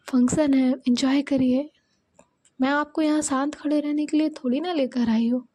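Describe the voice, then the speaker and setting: A lively young woman with a high voice who coaxes her friend along playfully, read by a woman narrator. Her tone is mellow. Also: normal speed, lightly acted. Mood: coaxing.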